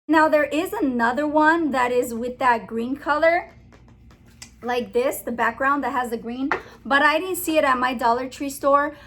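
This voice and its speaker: Young adult woman, high voice, enthusiastic casual haul vlogger. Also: moderate pace, a bit bright. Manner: chatty, enthusiastic, giggly over a tongue-twister. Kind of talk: casual haul video chat.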